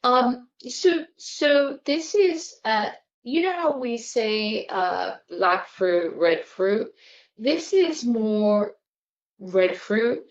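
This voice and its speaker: A woman's voice: fairly high pitch, animated, extremely slow. Chatty sommelier woman, lo-fi sound. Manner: chatty, explains like a teacher. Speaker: sommelier host. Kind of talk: casual wine-tasting chat. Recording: dull lo-fi recording.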